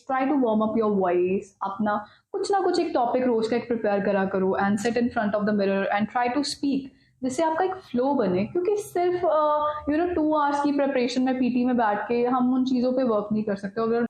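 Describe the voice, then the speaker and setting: A woman's voice: high voice, darkish tone, reverberant, poor audio. A woman coaching students on exam speaking, giving direct advice in a mix of Hindi and English. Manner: direct, advising, addresses viewers as guys. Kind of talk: instructional talk mixing Hindi and English.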